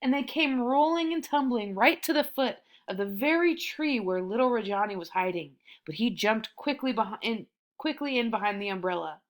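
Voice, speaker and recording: A woman's voice: a little high, animated, moderate pace, few pauses. A young woman reading a children's story aloud and breaking off for amused, chatty asides.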